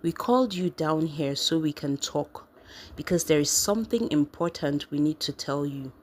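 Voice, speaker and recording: A woman voicing a calm older brother who speaks gently and softly. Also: sits low, normal speed, slight background noise. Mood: gentle. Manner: gentle, soft-spoken.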